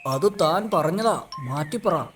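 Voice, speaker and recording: Slow, naive cartoon animal. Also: male voice, on the high side, animated, music in the background. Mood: naive, earnest. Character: simple-minded, naive, good-natured male cartoon animal. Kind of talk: cartoon voice acting.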